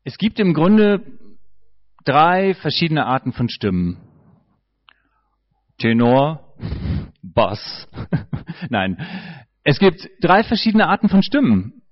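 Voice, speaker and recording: A man's voice: a little high, sing-song, measured pace, long pauses, dry recording, dull audio. A man preaching a sermon in a conversational way, joking and putting questions to his audience.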